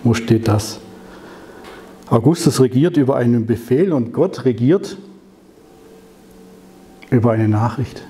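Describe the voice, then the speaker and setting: A man giving a conversational sermon, telling the story with rhetorical questions and slowing down on key phrases. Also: mid-range voice, dark tone. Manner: slows down to stress key phrases. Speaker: preacher.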